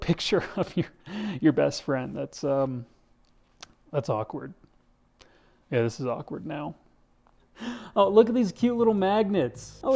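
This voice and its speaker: In a casual house-tour vlog, a young male English teacher jokes his way through the kitchen of a large house, calling things "dude" often as he holds the camera out selfie-style. His tone is mellow and a bit high, and faint music runs underneath.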